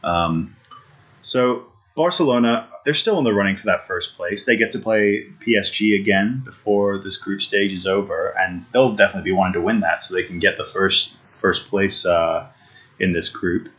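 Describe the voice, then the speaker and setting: A low-voiced man co-hosts a casual football podcast and talks eagerly, circling back to his points with restarts and fillers. The audio is dull and lo-fi. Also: moderate pace, a bit bright. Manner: eager, repeats himself, many restarts and fillers. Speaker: podcast co-host. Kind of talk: casual sports chat.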